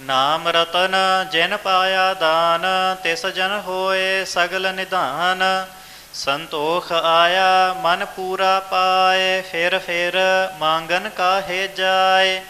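A high, bright male voice chants verses at a very slow, even pace. The delivery is measured and sing-song, with little rise and fall. Long hall reverb hangs on each phrase, and soft music sits underneath. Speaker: scripture reciter. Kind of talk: slow chanted scripture recitation.

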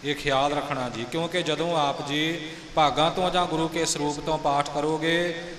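A man's voice: fairly high pitch, fairly even intonation, normal speed, fairly bright tone, slight background noise. A man teaching how to pronounce scripture correctly, mixing explanation with sung lines. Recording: echoey hall.

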